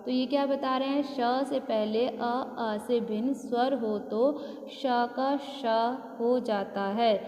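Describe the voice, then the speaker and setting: A woman's voice: a little high, fairly even intonation, slow, hardly any pauses, darkish tone. A woman teacher giving a grammar lesson, asking questions and answering them herself, stretching out syllables as she spells words. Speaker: school teacher. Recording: echoey room with long reverb, faint noise.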